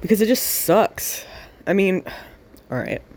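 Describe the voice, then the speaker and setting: A woman with a medium-pitched, expressive, slightly mellow voice records a casual audio diary, holding a handheld voice recorder right to her mouth. She rambles and swears freely, speaking slowly with long pauses.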